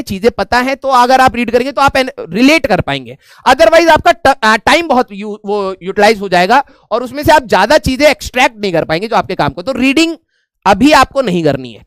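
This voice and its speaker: A man's voice: very high-pitched, fairly bright tone, no room sound. A man with an Indian accent teaching an online physics class in mixed Hindi and English. He jokes with the students and keeps checking in with them. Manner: chatty and joking, checks in with students often.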